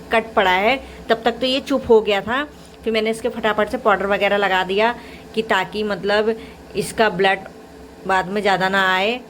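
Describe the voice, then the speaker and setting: A woman's voice: mid-range voice, slight background noise. A young woman vlogging from her home kitchen, chatting casually to the camera about her day and her little son while she does her housework. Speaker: vlogger and mother. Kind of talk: casual daily vlog chat.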